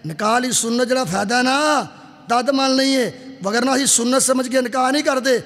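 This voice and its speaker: A Punjabi-accented man delivers a fervent sermon in a strikingly high voice. He drops to a hushed storytelling tone, then surges into shouted peaks and chants verses slowly. His voice rings out with the long reverb of a large hall. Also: steady tone. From Pakistan. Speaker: Islamic preacher. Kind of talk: impassioned sermon.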